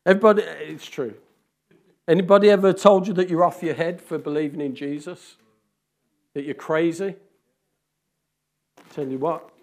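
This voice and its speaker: Chatty preacher, slightly high voice. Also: male voice, fairly even intonation, normal speed, long pauses. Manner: chatty, teasing the congregation by name; swings between loud calls and quiet asides. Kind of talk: informal sermon. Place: church hall among a congregation.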